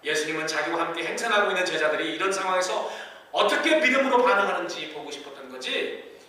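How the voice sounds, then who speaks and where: A man preaching a sermon as pastor, swinging from soft, low passages to loud, high-pitched pleading. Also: a little hiss or hum. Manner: dramatic swings between soft and loud delivery. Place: church sanctuary. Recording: echoey church hall, mic at a distance.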